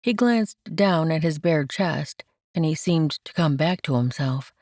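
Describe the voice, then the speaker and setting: A woman narrates a romance audiobook in a slightly low voice, her delivery slow, gentle and measured, yet animated. The recording is completely dry, with no sense of room at all.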